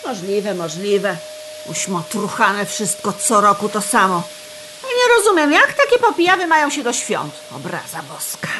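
A woman's voice: medium pitch, big pitch swings, moderate pace, a bit bright, slight background noise. A woman playing a grumbling, blunt cleaning lady with colloquial speech in an audio drama. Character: grumbling, scolding cleaning lady, married and fed up.

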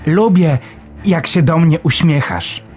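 A man's voice: a little high, slow pace, over loud music, voice pushed up. Melek, a chirpy little sparrow voiced by a man. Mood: joyful. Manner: chirpy and eager. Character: cheerful excitable young male sparrow. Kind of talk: storybook audiobook reading.

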